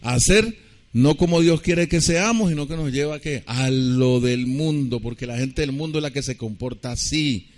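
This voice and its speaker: A male pastor delivers a sermon in a church. He talks in a loose, conversational way, putting questions to the congregation and slowly spelling out words for them. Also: medium pitch.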